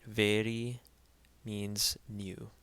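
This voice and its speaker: A man narrates a pronunciation lesson in a slightly low, bright and forceful voice. His tone is smooth and crisp, recorded dry and close with no room sound. He spells out sounds patiently and repeats each word slowly. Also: level tone, no echo. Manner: slow, careful spelling-out of sounds with repeated words. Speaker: language teacher. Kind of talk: instructional voice-over.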